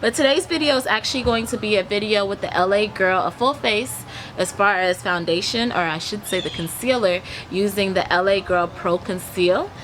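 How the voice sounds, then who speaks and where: With a mid-range, fairly bright voice at normal speed, a young woman chats to camera in a backyard garden, leafy and outdoors. As a beauty vlogger she explains her makeup tutorial step by step while applying it, against noisy outdoor ambience and humming traffic.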